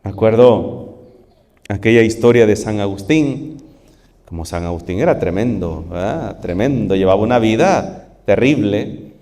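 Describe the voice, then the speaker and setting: Priest, dark mellow voice, long church reverb. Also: male voice, lowish voice, expressive, a little slow. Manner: emphatic, repetitive preaching. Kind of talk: sermon.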